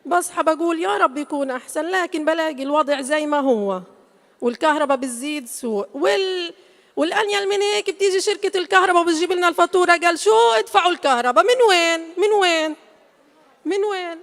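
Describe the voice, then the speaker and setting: An actress with a Gazan Palestinian accent plays a weary, harried mother coping with power cuts. She talks in a quick, emphatic and exasperated way, acting a comedy on a stage. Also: extremely high pitch, a bit bright. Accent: Gazan Palestinian Arabic. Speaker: stage actor. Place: theater stage in a large hall. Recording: echoey hall, live stage sound.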